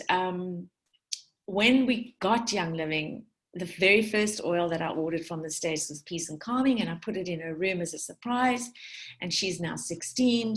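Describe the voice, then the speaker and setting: A woman's voice: fairly low pitch, fairly bright tone. A woman in her forties from South Africa, giving a chatty, rambling talk to her team about essential oils, full of tangents and restarts. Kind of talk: casual talk to an online group.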